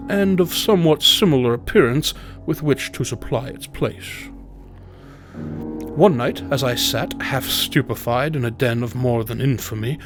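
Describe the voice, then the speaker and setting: A man playing a tormented narrator confessing dark deeds in a theatrical, formal, deliberate reading of a gothic horror story. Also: medium pitch, natural voice. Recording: music behind the voice.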